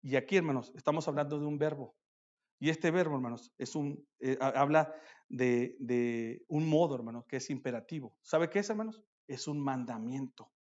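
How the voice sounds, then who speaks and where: A man preaching a sermon at a church conference, calling out to his listeners as brothers and swinging between loud declarations and quiet asides. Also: medium pitch, moderate pace, dull audio.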